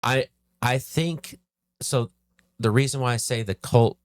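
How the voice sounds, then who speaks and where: A man co-hosting a casual game chat, talking slowly and deliberately, restating his points. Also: medium pitch, clear, resonant tone, no room sound. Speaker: co-host. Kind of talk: casual chat about games.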